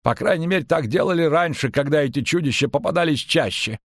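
A man voicing a fussy, anxious male innkeeper in a storybook, with a much higher, shrill, fretful voice. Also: fast, fairly bright tone, dry recording, studio quality. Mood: explaining.

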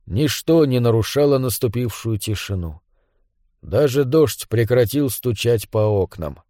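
A man reading a suspense story aloud in a measured, steady manner. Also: medium pitch, no echo, studio quality. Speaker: narrator. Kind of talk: audiobook narration.

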